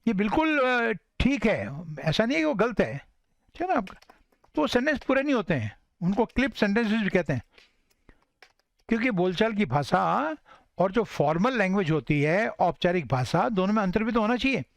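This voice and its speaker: Man, high voice, English teacher; dry close sound, slow model sentences, frequent check-ins with listeners. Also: sing-song, creaky, no echo. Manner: mixes Hindi and English, slows down to model English sentences. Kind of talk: spoken English lesson.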